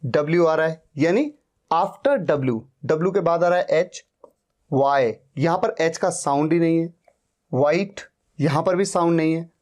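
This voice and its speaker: Slow, patient male teacher. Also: a little high, a little mellow. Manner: patient, spells out words and repeats them. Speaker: English teacher. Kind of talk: slow spoken-English lesson.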